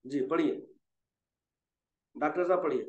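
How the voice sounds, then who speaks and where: A high-voiced man teaches Quran reading over a call, tutoring patiently as he coaxes his student, corrects gently, and repeats letters slowly. The recording sounds roomy, dull, and lo-fi.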